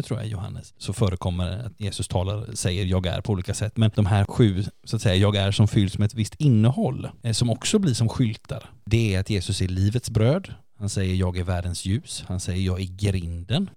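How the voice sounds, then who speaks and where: A man hosting a Bible podcast, calmly going through points in order, like reading a list. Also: lowish voice, no echo, clean studio sound. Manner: orderly, lists points, calm. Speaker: podcast host. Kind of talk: explanatory podcast talk.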